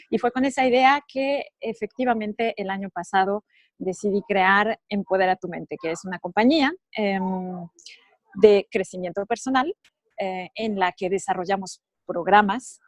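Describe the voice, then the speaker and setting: A woman's voice: mid-range voice, no echo. Thoughtful woman, dry close sound. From Mexico. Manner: measured, thoughtful, with frequent pauses. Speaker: guest. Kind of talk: podcast interview.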